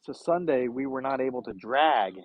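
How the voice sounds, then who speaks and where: A play-by-play announcer calls a youth baseball game from beside the field, chatty and easygoing, laughing often. His mid-range voice moves at normal speed, with slight background noise over muffled lo-fi stream audio.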